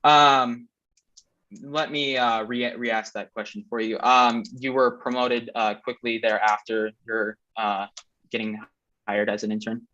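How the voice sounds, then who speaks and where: A man cross-examining a witness in a mock trial over a video call, halting with many ums, his audio volume uneven and cutting out. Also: medium pitch, level tone, sharp tone, lo-fi sound.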